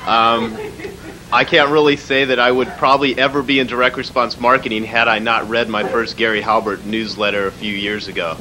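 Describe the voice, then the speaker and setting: A man's voice: mid-range voice, level tone, brisk, rough recording. A businessman giving an earnest, plainspoken testimonial with many fillers. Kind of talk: spoken testimonial. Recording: hissy background noise.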